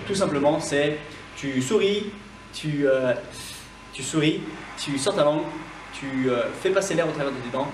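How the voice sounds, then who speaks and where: A man's voice: on the high side, recorded from a distance, background noise. French man teaching English words, echoey. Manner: repeats words slowly for the viewer to copy. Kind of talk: YouTube vocabulary lesson. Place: building with a corridor.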